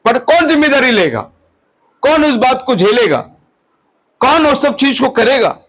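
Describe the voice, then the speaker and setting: High-voiced pastor in his fifties preaching. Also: animated, fairly bright tone, poor audio. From India. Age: 50s. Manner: exhorting, mixes English phrases and slows on them. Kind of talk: sermon at a house prayer meeting.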